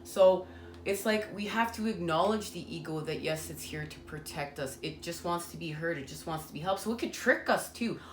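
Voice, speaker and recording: A woman's voice: lowish voice, moderate pace. A woman giving a spiritual tarot reading, talking earnestly and meandering with many fillers. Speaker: tarot reader. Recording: echoey room with faint ambient noise.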